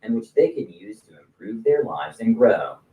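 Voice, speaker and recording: A man's voice: lowish voice, big pitch swings, normal speed, narrow, tinny audio, a crowd in the background. A computer-generated male text-to-speech voice reading scripted narration, played back from a video. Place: played from a video through speakers into the room. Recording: roomy playback heard from a distance.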